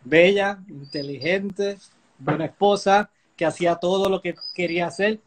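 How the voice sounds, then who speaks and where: A man hosts a casual livestream interview over a phone connection, his voice pitched very high for a man. He is eager and admiring, and he often jumps in with comments and questions. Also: moderate pace, slight background noise, low-quality recording. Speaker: host. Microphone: phone on a live video call.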